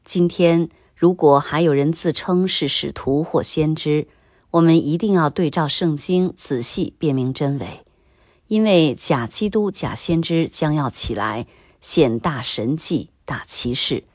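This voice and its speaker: A woman reading a scripted Bible commentary in a slow, measured, even way. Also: low voice, dry recording, studio quality.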